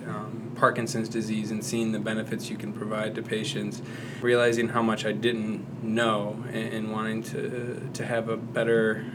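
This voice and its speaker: A man's voice: fairly low pitch, noisy background. A man from Michigan, a medical fellow, explaining his reasons earnestly and steadily on a podcast panel. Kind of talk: casual panel discussion.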